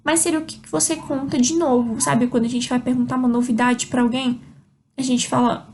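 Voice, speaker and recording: A Brazilian Portuguese-speaking woman teaching a Spanish lesson, slowly pronouncing example words. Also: high voice, level tone, a little mellow. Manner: slow, drawn-out demonstration of Spanish words. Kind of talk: online language lesson. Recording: faint background noise.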